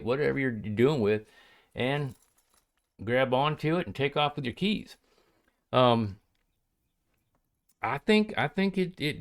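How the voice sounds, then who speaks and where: A man chatting casually to viewers as a hobbyist crafter, in a folksy, hesitant, rambling way. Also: mid-range voice. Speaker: pipe hobbyist and leather crafter showing his work. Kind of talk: casual vlog chat to viewers.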